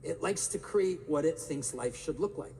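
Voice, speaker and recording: Guy doing a motivational keynote live, kinda high voice, big echoey hall, keeps throwing questions at the crowd. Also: normal speed, gravelly, a little hiss or hum. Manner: animated, quizzes the crowd with questions. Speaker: motivational speaker. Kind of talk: live keynote talk to an audience. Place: large conference hall. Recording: live hall with long reverb.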